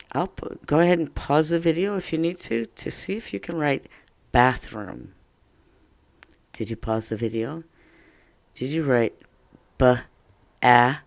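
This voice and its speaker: Slow, encouraging man teaching phonics. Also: fairly high pitch, creaky, no room sound. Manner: slow, encouraging, sounds out words and cheers. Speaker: first grade teacher. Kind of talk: online phonics lesson for children.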